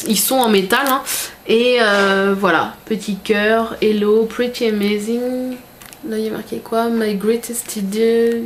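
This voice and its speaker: A woman's voice: a little high, slight background noise. A young woman in casual vlog chat, unboxing a gift parcel and gushing over each item with lots of fillers. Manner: chatty, gushing, filler-heavy. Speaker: vlogger.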